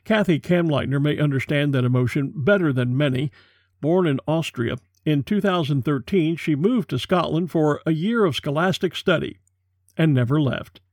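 An American man hosting a podcast, reading a measured, scripted introduction. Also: a little high, a little mellow, no room sound, clean studio sound. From USA. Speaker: podcast host.

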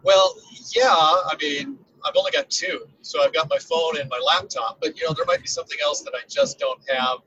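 A man in his sixties co-hosts a podcast from inside a rental car on the road, his voice tinny and boxed-in as if in a tin can on a dull lo-fi remote line. Slightly high and pushed bright, it swings hugely in pitch at a moderate pace with hardly any pauses. He chats casually in a rambling, hesitant way, trailing off mid-thought.

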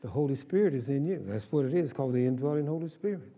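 A man's voice: medium pitch, lively intonation, fast, dark tone. Older man preaching in a reverberant hall. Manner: preaching with call-and-response, rising to exclamations. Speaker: pastor. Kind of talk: sermon.

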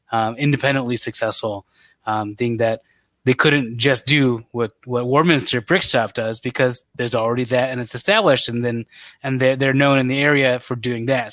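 A man's voice: medium pitch, a bit bright, no echo. A man co-hosting an online talk show, chatting casually, often laughing and restarting his sentences. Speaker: podcast co-host. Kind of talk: casual chat.

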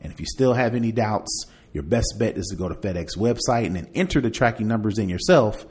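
A man with a low, slightly mellow, expressive voice talks fairly fast as he hosts a tech news podcast. He keeps it conversational, mixing casual chat with passages read aloud.

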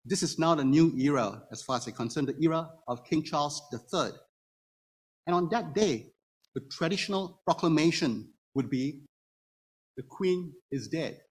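In a reverberant church hall with long echo, a man preaches an expository sermon to his congregation, walking through scripture step by step and often turning to them with rhetorical questions. A native Hokkien Chinese speaker, he has a slightly high, husky, expressive voice and talks at normal speed.

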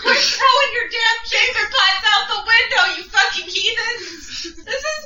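A woman voicing an angry man on a medieval street who yells and swears at someone tossing chamber pots. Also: extremely high pitch, racing, voice pushed up, heavily acted. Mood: furious. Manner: shouting, swearing rant. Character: angry male passerby on a medieval street, cursing. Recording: roomy, mic far off.

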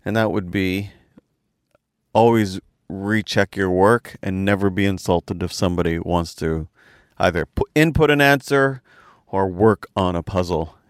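A man's voice: sits low, a little slow, no room sound, clean studio sound. A man co-hosting a travel vlog, chatting and joking with friends in a car. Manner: joking, teasing, lively. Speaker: vlog co-host. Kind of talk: casual chat.

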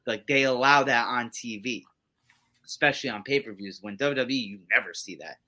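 A man co-hosting a casual wrestling podcast, talking in an animated, rambling way with swearing. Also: mid-range voice, a little fast. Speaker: podcast co-host.

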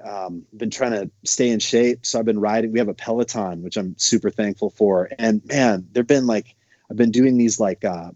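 A man in his thirties from Montana, a bass player talking loosely with lots of fillers. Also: dark tone, dry recording, muffled recording. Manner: loose, rambling storytelling with many fillers. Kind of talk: casual conversation.

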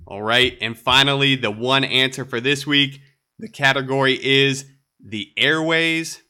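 A bright, clear-voiced man hosts a solo podcast, relaxed and upbeat. His voice has a slight nasal stuffiness from a cold. He keeps it conversational, checking in with listeners now and then. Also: medium pitch, unhurried. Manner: laid-back, upbeat, frequent "right?". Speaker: podcast host.

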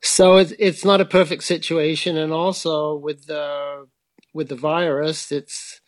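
A man's voice: on the high side, flat delivery, measured pace, no room sound. A middle-aged man, a frame-building teacher, explaining his work thoughtfully in a conversational interview, with hesitant restarts.

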